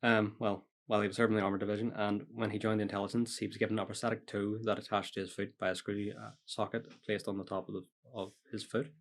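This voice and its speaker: A podcast host reads out a prepared true-or-false story casually, tossing in offhand asides. His voice is on the low side and flat, and he talks fast with few pauses.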